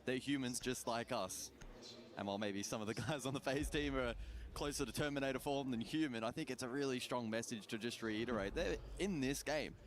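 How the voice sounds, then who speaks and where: Calm male esports analyst. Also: medium pitch, brisk, slight background noise. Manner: calm, analytical, reads out stats. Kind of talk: measured color commentary.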